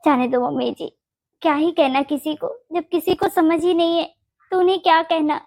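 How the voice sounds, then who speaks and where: A woman voicing a young, gentle married daughter-in-law in a Hindi cartoon, talking in a soft, pleading way. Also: extremely high pitch, steady tone, moderate pace, dry recording. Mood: soothing. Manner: soft pleading, keeps saying "mummy ji".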